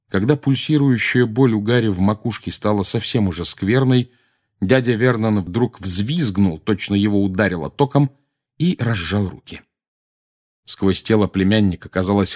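Husky low-voiced male narrator. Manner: steady, measured storytelling. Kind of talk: audiobook narration.

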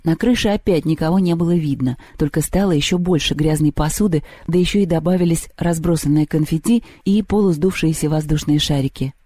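A man reads a storybook aloud at a measured, even pace. His voice is mellow and a bit high for a man, recorded close and completely dry. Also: dry recording. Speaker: audiobook narrator. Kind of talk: storybook narration.

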